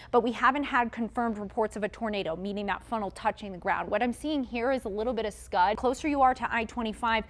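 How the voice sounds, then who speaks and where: A woman meteorologist giving live breaking weather coverage, explaining radar and urging viewers to take shelter. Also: on the high side. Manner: urgent, explanatory, giving safety instructions.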